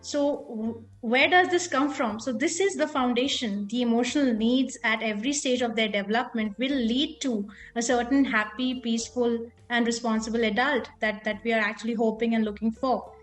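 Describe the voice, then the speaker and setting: A woman with a fairly high voice speaks as a guest in a relaxed interview. She explains her points at length and retells a children's story along the way. Soft music plays faintly behind her. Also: moderate pace, hardly any pauses. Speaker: guest, school founder. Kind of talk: conversational interview.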